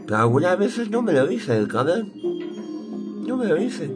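A man's voice: high voice, big pitch swings, loud music behind the voice. A man in his thirties with a Peninsular Spanish accent, chatting casually and thinking aloud in a colloquial, rambling vlog style. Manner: unhurried, thinking aloud, colloquial with mild swearing. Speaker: vlogger. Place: small cluttered room at home, indoors.

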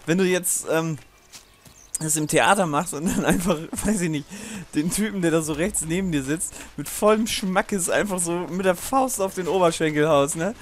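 A man's voice: fairly high pitch, moderate pace, a little hiss or hum. A man hosting a let's play, giving casual gaming commentary in a chatty, digressive way with frequent swearing and laughter.

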